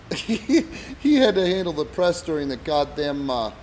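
A man's voice: on the high side, big pitch swings, measured pace, darkish tone, a little hiss or hum, rough recording. A middle-aged man co-hosting a casual chat, telling stories in a profane, rambling way. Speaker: podcast co-host, wrestling promoter.

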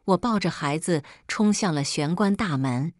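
A woman narrating a dramatic story in a calm, measured way with lively emotion. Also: lowish voice, no echo, clean studio sound.

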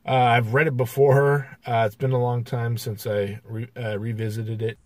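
A man's voice: mid-range voice, little pitch movement, moderate pace, dry recording. Hesitant man reviewing a film. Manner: hesitant, many "uh" fillers. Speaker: movie reviewer. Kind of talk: casual spoken film review.

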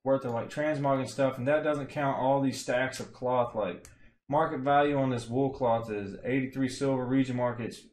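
In an echoey home room, a young streamer gives laid-back game guide commentary explaining a farm, meandering along with plenty of filler words. He speaks at a moderate pace in a mid-range voice, with slight background noise.

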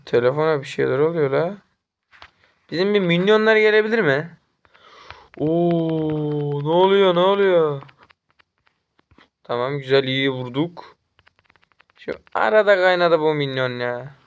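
A man's voice: on the high side, measured pace, pauses often, smooth, muffled recording. Young man taunting while gaming. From Turkey. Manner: taunting, trash-talking the enemy; excitable, jumps up when chasing. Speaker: mobile game streamer. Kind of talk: live gameplay commentary.

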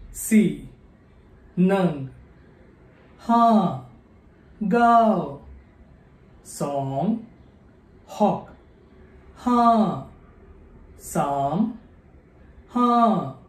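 Recorded in an echoey room, a high-voiced memory athlete and channel host in his thirties addresses the camera with an Indian English accent. He counts out number words slowly and deliberately, one by one, his tone rising and falling.

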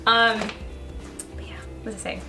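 Chatty bright-voiced young woman. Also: a little high, steady tone, soft background music. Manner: fast, chatty, laughing asides. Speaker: YouTuber and blogger. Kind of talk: casual vlog commentary.

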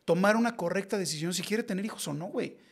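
A Mexican man in his forties, a podcast guest, telling personal stories in a blunt, slangy, animated way. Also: high-pitched, fast. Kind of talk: casual podcast conversation.

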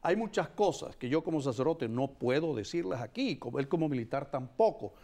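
A man's voice: medium pitch, expressive, fairly quick, warm tone. A man in his sixties, a priest on a TV panel, speaking emphatically, almost preaching, in a heated debate. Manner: emphatic, preaching, gestures broadly. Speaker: priest guest. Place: TV studio. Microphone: lapel.

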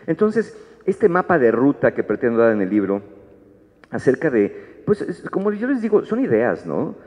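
At a book fair, a man with a Mexican accent gives a funny talk about his book to a live audience, acting out little dialogues in shifting voices. His medium-pitched, darkish voice swoops wildly at a moderate pace, captured in a dull, echoey large hall.

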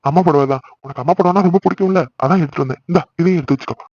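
A man voicing a gentle, soothing father. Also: a little high, racing, no room sound, lo-fi sound. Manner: soft, fatherly and reassuring. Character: father of a bride, gentle and consoling. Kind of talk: cartoon voice acting.

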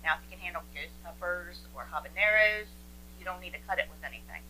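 A woman's voice: on the low side, quick pace, sharp tone, a little hiss or hum, low-quality recording. A woman in her forties hosting a cooking show from a home kitchen, chatting and sharing tips as she cooks. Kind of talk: casual cooking demonstration.

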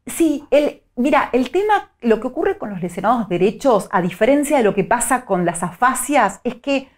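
A middle-aged woman with a Rioplatense Spanish accent answers interview questions as a psycholinguist. She explains in a steady, teacherly way and grounds each idea in a concrete example. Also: a little high, normal speed. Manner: clear, didactic, illustrates points with examples. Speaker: psycholinguist guest.

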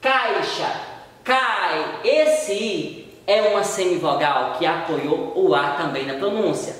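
A woman's voice: sits low, expressive, measured pace. A Brazilian woman teaching a recorded primary school lesson, patiently explaining and drawing out the example words. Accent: Brazilian Portuguese. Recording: echoey room, voice far from mic.

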